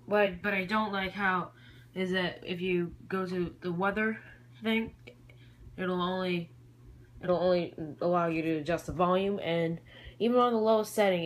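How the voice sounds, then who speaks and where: Pitched at a medium level, this YouTube hobbyist rambles casually through a show-and-tell of their collection. They're hesitant, often trailing off and self-correcting, and the homemade camcorder audio carries noticeable background noise.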